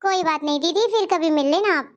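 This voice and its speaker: A naive younger sister from a cartoon story, voiced by a woman. She chatters on and speaks bluntly. Her voice is very high and squeaky. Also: a little fast, dull audio. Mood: chatty.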